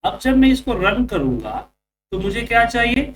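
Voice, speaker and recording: A man's voice: extremely high pitch, big pitch swings, recorded from a distance. Man teaching through a clipping, crackling mic. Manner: explains step by step, slowly spelling out code. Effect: clipping, distorted mic with tapping crackle. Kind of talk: live online coding class. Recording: noisy online class with clipping mic.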